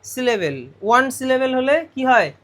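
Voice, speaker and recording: A man's voice: extremely high pitch, sing-song, normal speed, a bit bright. A male teacher going through a grammar lesson step by step, often putting questions to his students. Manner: explains step by step, asks the class questions.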